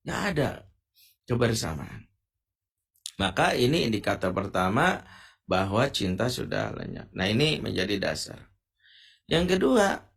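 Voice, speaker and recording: A middle-aged man giving a lively sermon, acting out quotes and jokes playfully. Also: mid-range voice, vocal fry, breathy edge. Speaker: preacher. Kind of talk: lively sermon with acted examples.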